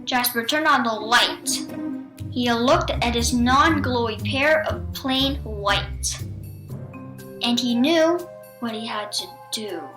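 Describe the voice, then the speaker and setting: Slow high-voiced woman telling spooky stories. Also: music in the background. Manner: theatrical, suspenseful, with deliberate pauses. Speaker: children's storybook reader. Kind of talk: dramatic read-aloud narration of a spooky picture book.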